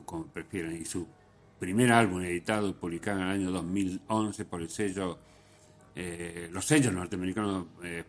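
A radio host with an Argentine accent and a low-pitched voice presents music on the radio, commenting casually and rambling back over his own words. His delivery is halting, and he often checks in with short tag questions.

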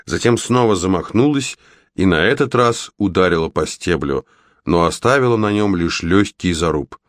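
Audiobook narrator, man, animated storytelling, low-ish, dry booth sound. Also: normal speed, dry recording.

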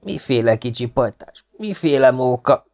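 A man's voice: medium pitch, lively intonation, a little mellow, voice pushed up, lightly acted. Man doing a grumbling hulking legionnaire. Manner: grumbling, blustering. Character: huge, grumpy, sleepy male legionnaire.

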